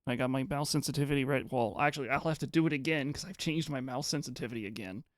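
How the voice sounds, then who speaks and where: A man's voice: medium pitch, fast, dry recording, studio quality. A man streaming live, chatting casually with viewers in a rambling, hesitant way, often restarting his sentences. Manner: reads and answers chat messages.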